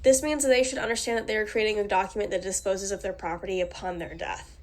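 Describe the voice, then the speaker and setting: A student with a cold reads a prepared class presentation in a slightly nasal voice, making small slips and restarting now and then. She talks fast, with a mid-range voice and fairly even intonation.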